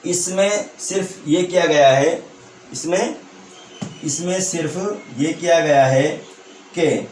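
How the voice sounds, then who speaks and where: A man's voice: fairly high pitch, a little mellow, a little hiss or hum. A man teaching an online Urdu lesson for exam prep, who repeats each point as a question, answers it, and checks that students follow. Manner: checks understanding with a tag question. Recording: echoey room, voice from a distance.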